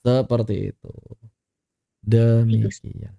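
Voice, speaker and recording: A man's voice: mid-range voice, little pitch movement, slow pace, creaky, warm tone, dull audio. A man teaching Quran recitation rules in an online class, patiently repeating each rule and reciting examples. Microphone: online class audio.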